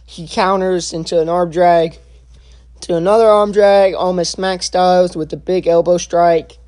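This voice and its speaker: A young man giving a casual spoken review, halting and full of filler sounds and restarts. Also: high-pitched, fairly even intonation, a little mellow. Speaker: wrestling show reviewer.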